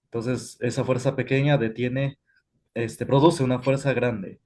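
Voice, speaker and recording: A man's voice: medium pitch, little pitch movement, darkish tone. Man teaching a physics class. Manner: halting, frequent "este" fillers, self-correcting. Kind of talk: classroom lecture.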